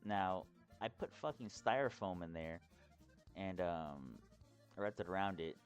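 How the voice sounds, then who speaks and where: A man from Texas giving a casual, rambling explainer vlog as a hobbyist, sounding drunk, halting and swearing freely. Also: low voice, lively intonation, faint music behind. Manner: tipsy, rambling drunk talk with halting phrases and heavy swearing. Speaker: hobbyist presenter.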